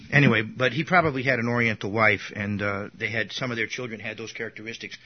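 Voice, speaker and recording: Husky-voiced man giving a rambling Bible lesson. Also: on the low side, fairly even intonation, fast. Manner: rambling, with frequent restarts and asides. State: coughing now and then. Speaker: Bible teacher. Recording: dull lo-fi recording.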